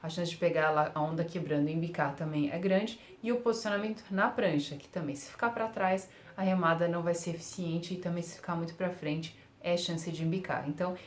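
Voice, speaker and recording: A woman's voice: lowish voice, steady tone, fairly quick, hardly any pauses, reverberant. A young woman giving surfing tips in a casual, chatty way, often laughing at herself and using fillers. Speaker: surf vlogger. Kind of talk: casual tutorial talk.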